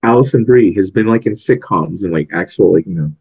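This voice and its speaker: A man co-hosting a podcast, chatting casually about a movie and retelling scenes in an animated, excitable way. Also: deep voice, a little fast, breathy edge, dull audio. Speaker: podcast co-host. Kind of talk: casual movie review chat.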